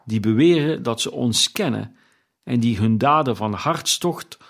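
A man's voice: mid-range voice, measured pace, vocal fry. A man voicing a giant, kindly Christmas spirit who speaks emphatically, stressing single words, in an audiobook reading. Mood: solemn, emphatic. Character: giant jovial male Christmas spirit, kindly but stern.

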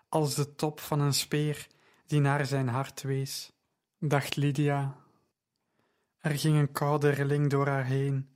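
A man reading a novel aloud to radio listeners in a steady, even voice. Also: on the high side. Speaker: reader. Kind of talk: scripted audiobook reading.

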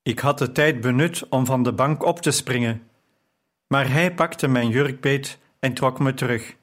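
A man narrating an audiobook chapter in a steady, measured way. His voice sits at a mid pitch for a man. The telling stays calm and evenly paced. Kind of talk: scripted narration.

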